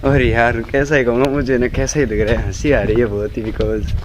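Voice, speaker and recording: A man's voice: medium pitch, flat delivery, normal speed, crowd noise, low-quality recording. A man casually chatting through a vlog, moving between his home and the lane outside during rain and constantly pointing things out to his viewers. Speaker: vlogger.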